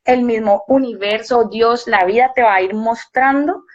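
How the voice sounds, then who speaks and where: A woman's voice: on the high side, normal speed. Woman, young, reflective storytelling, dull live-stream audio. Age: young adult. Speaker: university teacher and guest. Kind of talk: casual live-stream chat.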